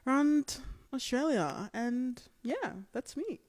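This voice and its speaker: A woman's voice: sits high, animated, slow pace, a little mellow, a little hiss or hum. A woman hosting a livestream discussion in a casual, chatty style. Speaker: livestream host. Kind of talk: casual chat.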